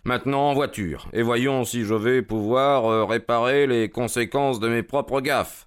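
A man voicing an impatient, commanding detective in an audiobook, speaking in brisk, urgent bursts. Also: mid-range voice, animated, natural voice. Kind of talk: audiobook character reading.

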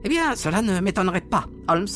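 A man's voice: high voice, very animated, fairly quick, fairly bright tone, faint music behind, pitched above the performer's own voice. A man voicing a gloating, sneering villain who mocks a dying rival in a radio play. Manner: sneering, mocking, taunting. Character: gloating sinister male poisoner villain.

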